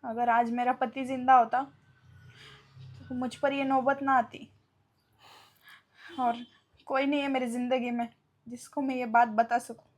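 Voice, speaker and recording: A woman's voice: on the high side, little pitch movement, a little slow, long pauses, close to an everyday voice. A woman playing a tearful young widow. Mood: grieving. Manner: tearful, pleading. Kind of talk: amateur short-film acting.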